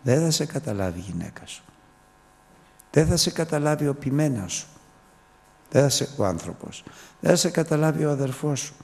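A man's voice: on the high side, sing-song, creaky, long pauses, darkish tone, in a large hall. A man preaching a fervent sermon, repeating phrases and calling his listeners brothers.

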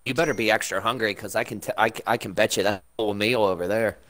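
A man's voice: fairly low pitch, fairly even intonation, fast, fairly bright tone. A man bantering casually in a game chat like a hyped gamer bro, crude and brash. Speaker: gamer playing in a squad voice chat. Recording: noisy voice chat with clicks.

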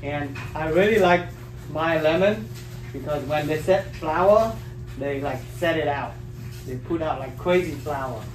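In a rough recording, a man with a fairly high voice speaks at a measured pace while showing how to hand-pollinate plants in a basement grow room. The gardening vlogger films his hands on a handheld phone and keeps things chatty and loose, full of "like" and "um."

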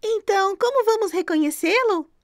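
Lady doing super high squeaky little goat kids, eager and childlike, dry sound. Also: expressive, moderate pace, dry recording. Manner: eager, shrill childlike pleading. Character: tiny young goat kids, lively and alert.

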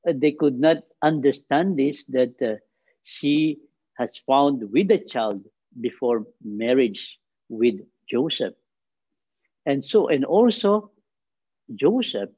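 A middle-aged man, a priest, giving a homily in a small chapel, speaking haltingly with many fillers and restarts and rising to emphatic peaks. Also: medium pitch, dry recording, highs cut off.

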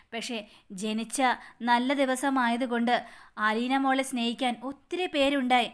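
A woman voicing a gentle middle-aged mother who consoles others slowly and softly. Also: a little high, smooth, close to an everyday voice. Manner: slow, soothing.

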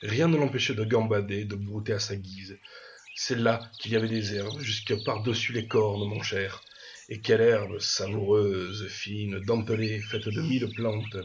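A man reading a classic tale aloud with lively expression, often speaking to the listener directly. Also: fairly low pitch, a little slow, background noise. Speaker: storyteller. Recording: dull lo-fi with birds chirping.

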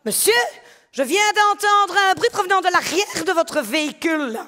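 A woman's voice: very high voice, lively intonation, quick pace, pushed and bright, pitched above the performer's own voice, heavily acted. Woman doing a stern cop with a muddled accent. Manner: formal, clipped police commands. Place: theatre stage before a live audience.

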